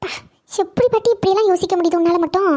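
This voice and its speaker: A woman voicing a cheeky, very high-voiced young woman. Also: dark tone. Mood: teasing. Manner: teasing, cheeky, quick. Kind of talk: cartoon comedy acting.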